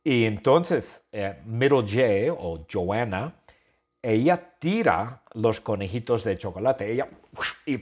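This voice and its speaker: A man's slightly breathy voice carries an unhurried story built for language learners. His pitch jumps widely as he mimics gunshots and cheering crowds, and he circles back over each phrase before moving on. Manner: animated, with sound effects and shouted crowd noises; speaks slowly and repeats phrases. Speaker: Spanish teacher telling a story. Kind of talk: slow storytelling lesson for learners.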